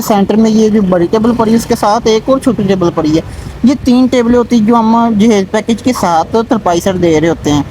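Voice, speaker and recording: A man hosting a showroom sales video, delivering a repetitive pitch that keeps stressing low prices. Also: darkish tone, slight background noise, low-quality recording. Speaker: YouTube channel host.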